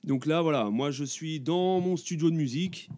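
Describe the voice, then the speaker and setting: Male YouTuber, mellow warm tone, casual talk to camera, chatty with lots of fillers, recorded in a home music studio. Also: on the high side, normal speed. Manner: chatty, many fillers and restarts.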